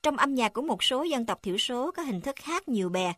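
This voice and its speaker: A woman reading a music textbook aloud in an even, formal manner, announcing each section number. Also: on the high side, fairly quick, no room sound. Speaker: narrator reading a text on music.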